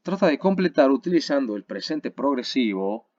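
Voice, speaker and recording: A man leads a grammar webinar, explaining step by step and checking in with his listeners. His voice is lively and animated. The sound is dry and a little dull. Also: mid-range voice, no room sound. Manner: explains patiently, checks in with "¿sale?" and "¿vale?"; slows down to spell and model English words. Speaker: English teacher.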